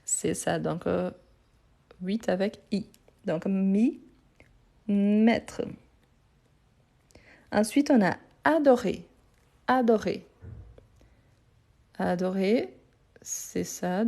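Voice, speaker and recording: A woman's voice: mid-range voice, extremely slow, creaky, pauses often, warm tone. A woman teaching French in a live online grammar lesson, recorded on her phone, patiently repeating answers and praising students.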